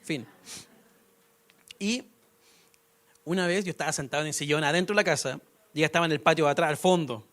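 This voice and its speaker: High-voiced pastor preaching. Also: male voice, fairly quick, long pauses, fairly bright tone. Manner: conversational preaching with humor and rhetorical questions. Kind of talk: sermon.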